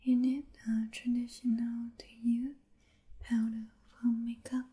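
A young woman playing a gentle Vietnamese princess in a whispered role-play, speaking in a soft, breathy whisper with a Vietnamese accent and short, soothing, attentive phrases. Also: on the high side, level tone, measured pace, natural voice. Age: young adult.

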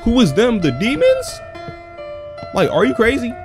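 Scared young male horror game streamer, wildly animated. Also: very high-pitched, measured pace. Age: young adult. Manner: scared, jumpy, exclamatory horror-game reactions; slangy, says "bro" constantly. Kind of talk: casual reactive gameplay commentary. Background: game music and sound.

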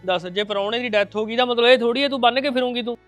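A man playing a caring brother who gently coaxes his widowed sister in a family drama. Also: very high-pitched, very fast, faint music behind. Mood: coaxing. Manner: coaxing, reassuring.

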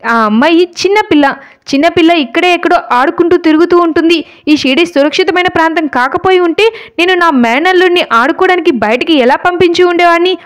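A woman's voice: very high voice, a little fast, pitched above the performer's own voice. A woman voicing an indignant male village official, talking in a reassuring yet insistent way.

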